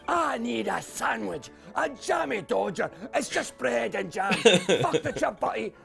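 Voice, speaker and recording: A man putting on a gravelly crude Scotsman. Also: very high-pitched, sing-song, a little slow, fairly bright tone, soft background music, full character voice. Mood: rowdy. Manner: crude, swearing, laughing. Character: crude foul-mouthed Scotsman ordering food.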